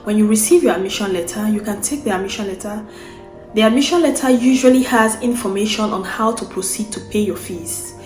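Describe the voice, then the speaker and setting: Young woman from cameroon, casual vlog talk, lots of restarts, middle pitch, roomy echo. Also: a little fast, darkish tone, soft background music. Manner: unscripted, with restarts and repeated phrases while explaining steps. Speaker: vlogger.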